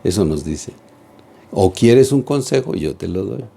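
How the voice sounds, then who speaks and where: Man, religious teaching, earnest, low gravelly voice, husky tone. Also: expressive, measured pace, mellow. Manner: earnest, addresses viewers directly with questions. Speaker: catechist.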